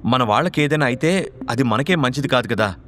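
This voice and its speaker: A man's voice: medium pitch, animated, brisk, a bit bright, lightly acted. A man voicing a hot-tempered, protective powerful man who fires off urgent questions in a raised voice. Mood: tense.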